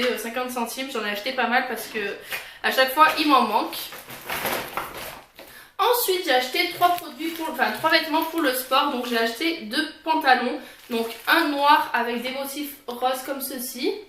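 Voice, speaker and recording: High, bright-voiced woman chatting through a haul. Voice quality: slightly impeded speech from new tongue piercing. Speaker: vlogger presenting a shopping haul. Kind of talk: casual chatty product show-and-tell. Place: indoors, in a bedroom. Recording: echoey room with faint background noise.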